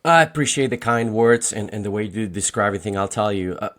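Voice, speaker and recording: A financial agent of around forty, a native Spanish speaker with a Colombian accent, tells personal stories conversationally as a podcast guest. His voice is fairly low and fairly bright in tone, and he talks fast.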